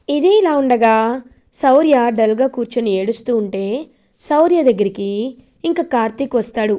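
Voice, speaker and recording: High-voiced woman retelling a story. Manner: chatty, animated narration. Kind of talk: casual plot retelling.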